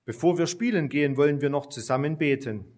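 A man voicing a kind woman kindergarten teacher who speaks calmly and comfortingly in a children's storybook reading. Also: a little high, fast talker, lightly acted. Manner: calm, comforting.

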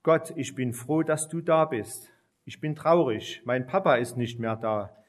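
A man voicing a sad little boy who misses his father, speaking quietly in a children's storybook reading. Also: medium pitch, measured pace, lightly acted. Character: grieving little boy missing his dad.

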